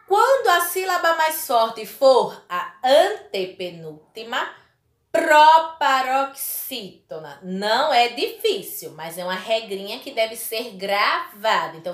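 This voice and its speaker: A woman's voice: on the high side, fairly bright tone, roomy sound. A woman teaching a primary school lesson to children, speaking in an affectionate, emphatic way and stretching out key words. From Brazil. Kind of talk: recorded classroom lesson for children.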